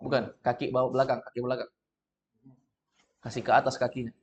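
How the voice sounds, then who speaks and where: A man with an Indonesian accent teaching a classroom lesson, patiently correcting students step by step and reading sentences out slowly. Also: medium pitch, level tone. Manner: reads sentences out slowly and loudly. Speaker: Arabic teacher. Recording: dull lo-fi recording.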